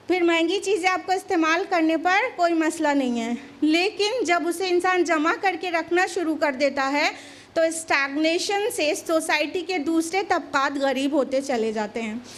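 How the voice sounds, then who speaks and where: Woman, high voice, calm religious Q&A, explanatory, English terms mixed in. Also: a little slow. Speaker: Islamic scholar answering questions.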